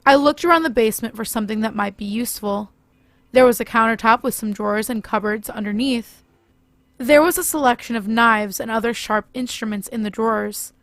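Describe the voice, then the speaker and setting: A woman narrating a first-person horror story in a steady, scripted delivery. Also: fairly high pitch, no echo.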